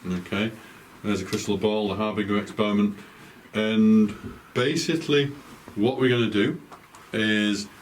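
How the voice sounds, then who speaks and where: A man leading a night-time ghost hunt as a medium, calm and reassuring, often stumbling over his words. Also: on the low side, a little slow, few pauses, slight background noise. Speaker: medium leading a paranormal investigation. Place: indoors in a house at night.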